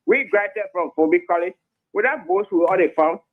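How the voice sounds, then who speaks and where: Liberian male caller, emphatic rambler, high pitch, heard over a clipped phone line. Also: normal speed. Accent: Liberian English. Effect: clipped, poor phone line. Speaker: radio call-in caller. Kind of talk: heated call-in opinion.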